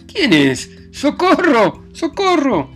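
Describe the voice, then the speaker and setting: Frantic, shouting elderly husband played by a male narrator, storybook reading. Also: medium pitch, lively intonation, brisk, faint music behind, close to an everyday voice. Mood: alarmed. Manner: loud, blustering and frantic. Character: flustered, jealous old husband, shouting for help.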